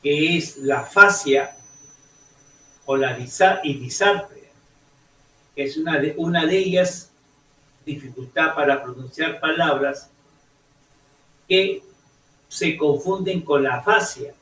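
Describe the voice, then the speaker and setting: A male teacher lecturing a class, halting and restarting often and checking in with "ok?" as he goes. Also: a little high, bright, forceful tone. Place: echoey classroom. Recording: roomy classroom audio, mic far off.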